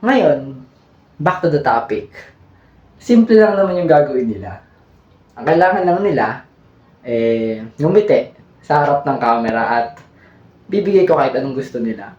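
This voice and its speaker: A man's voice: mid-range voice, expressive, normal speed, long pauses, darkish tone, lo-fi sound. A man with a Filipino accent hosting a vlog, teasing and playful, laughing at his own jokes. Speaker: vlogger host. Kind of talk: casual joking vlog chat.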